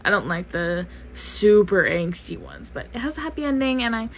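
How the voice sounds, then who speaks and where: A woman's voice: mid-range voice, animated, moderate pace, a little hiss or hum. A young woman casually chatting as she recommends fanfiction, rambling with frequent fillers and laughs. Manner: rambling, lots of "um" and "like", laughs often. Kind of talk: casual chat.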